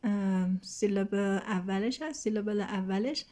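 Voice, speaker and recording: A woman teaching an English textbook lesson, explaining patiently with pauses and drawn-out fillers, and reading English words slowly with exaggerated stress. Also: medium pitch, dark tone.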